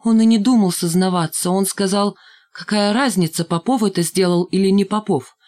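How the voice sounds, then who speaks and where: A woman narrating a children's story in a first-person, measured, storytelling manner. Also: medium pitch, darkish tone. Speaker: audiobook reader. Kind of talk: scripted narration.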